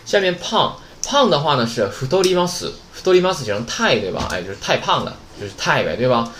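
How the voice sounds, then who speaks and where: A man's voice: medium pitch, sing-song, fairly quick, a bit bright. A man teaching a Japanese vocabulary lesson, chatty and joking, often asking rhetorical questions. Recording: roomy echo, faint background noise.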